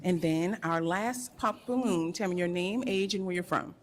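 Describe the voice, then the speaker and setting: A woman's voice: fairly low pitch, moderate pace, a little hiss or hum. A woman casually hosting and interviewing as a show host.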